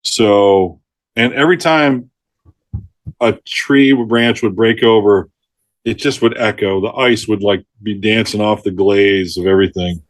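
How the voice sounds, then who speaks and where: A man's voice: on the low side, unhurried, no room sound. A middle-aged man, a retired forest ranger, telling rescue stories in a casual interview, often laughing mid-sentence and acting out what people said. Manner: lively storyteller who laughs mid-sentence and acts out quotes.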